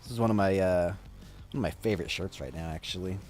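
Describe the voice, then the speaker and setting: Tired dude rambling thru his reaction vid, low voice, swears a bit, some music playing quiet behind. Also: brisk. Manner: rambling, sluggish, swears casually. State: tired and drowsy. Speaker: reaction video host. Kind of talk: casual reaction vlog chat. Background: faint music.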